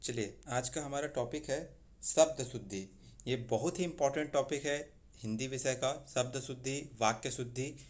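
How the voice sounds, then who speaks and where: A man teaching an exam-prep spelling lesson. He says each word slowly and repeats the wrong and right forms. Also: mid-range voice. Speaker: Hindi teacher.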